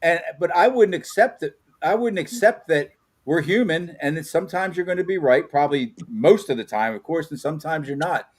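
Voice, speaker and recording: A man in his fifties hosts a relaxed interview, rambling through anecdotes and laughing as he goes. His voice sits a little high for a man. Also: fairly quick, slightly rough. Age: 50s. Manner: chatty storyteller, laughs often. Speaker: host. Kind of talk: casual interview chat.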